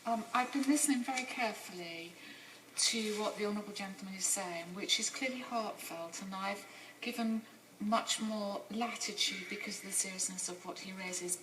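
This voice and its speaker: Firm woman chairing from afar. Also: medium pitch. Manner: measured, polite, firm. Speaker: deputy speaker chairing debate. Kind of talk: formal procedural ruling. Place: large debating chamber. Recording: distant echoey chamber with background noise.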